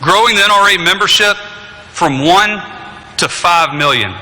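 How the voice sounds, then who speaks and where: A man delivering a forceful political speech in punchy, emphatic short sentences. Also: high-pitched, normal speed. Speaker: speaker at a gun association forum. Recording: reverberant large hall.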